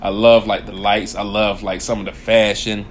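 A young man, co-hosting a casual podcast. He is animated, laughs often and jumps up into high exclamations. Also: moderate pace, a little hiss or hum. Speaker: podcast co-host. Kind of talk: casual chat.

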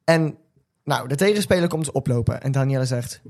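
Woman podcast co-host; casual, reactive, quick back-and-forth replies. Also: very deep voice, a little mellow. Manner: short reactive replies, laughs along. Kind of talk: casual chat.

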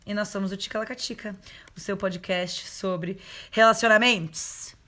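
A woman's voice: mid-range voice, steady tone, normal speed, sharp tone. A woman in her thirties co-hosting a casual podcast, chatty and full of restarts and laughs. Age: 30s. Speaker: podcast co-host. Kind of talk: casual chat.

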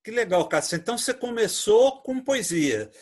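A man hosting an interview, with a fairly high voice for a man. He asks brief, friendly questions and nudges the conversation along. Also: sing-song, normal speed, husky.

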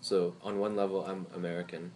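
A man in his twenties with a deep, low voice talks casually, full of fillers and false starts. A faint hum sits under the recording. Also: a little fast. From Taiwan. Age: 20s. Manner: relaxed, rambling with many fillers and restarts. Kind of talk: casual chat.

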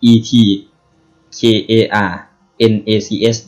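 A man's voice: takes it slowly, darkish tone, muffled recording, soft background music. A man casually explaining something to a co-host, playfully sounding out syllables one by one.

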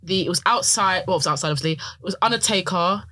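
A young woman, chatting casually in a halting, informal way. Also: on the low side, pushed and bright. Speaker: wrestling performer. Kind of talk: casual chat.

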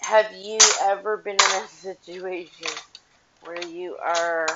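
Washing dishes while hosting her solo podcast, this woman talks slowly in a steady, lowish voice, offering blunt, profane, frank opinions. The recording is very noisy, and her headphone mic gives it a dull, metallic tin-can quality with dishes clattering faintly.

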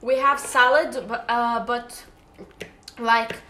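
Young woman vlogger, slightly high voice, chatty with lots of fillers, roomy echo. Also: level tone, takes it slowly, pushed and bright, a little hiss or hum. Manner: chatty, full of fillers and restarts. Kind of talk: casual chat while eating.

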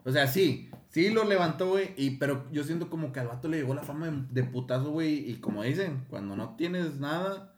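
A man's voice: fairly high pitch, lively intonation, a little fast, a little hiss or hum. A man in his twenties with a Mexican accent, chatting casually and laughing on a podcast with friends. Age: 20s. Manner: slangy, laughing, talks over others. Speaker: podcast co-host. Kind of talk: casual chat.

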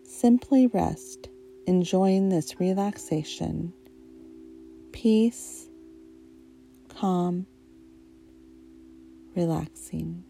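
A woman leads a guided relaxation like a slow hypnotist. Her voice is soft, very mellow and a little low. She speaks in short, unhurried phrases with long pauses, over faint music. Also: creaky. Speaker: guided meditation narrator.

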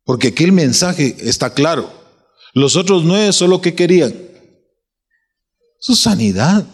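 A man's voice: fairly high pitch, big pitch swings, measured pace, breathy edge, long reverb tail. A man preaching a sermon, asking his listeners questions and restarting his phrases as he builds his point.

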